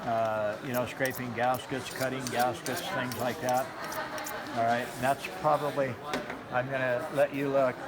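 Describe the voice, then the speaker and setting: A man's voice: medium pitch, flat delivery, measured pace, over a noisy crowd. A middle-aged man giving a casual, folksy live hands-on demonstration, explaining plainly and repeating himself for emphasis. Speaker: knife sharpening demonstrator. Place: large expo hall with concrete floor. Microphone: handheld camera a step or two away. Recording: noisy hall, handheld camera mic. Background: clear background noise of an expo hall.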